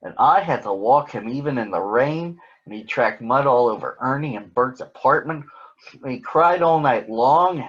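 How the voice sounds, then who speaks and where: Guy doing big friendly kid-like bird for a storybook, earnest, excitable, easily upset, husky, bit lo-fi. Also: mid-range voice, normal speed. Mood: tearful complaint. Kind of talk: children's storybook read-aloud.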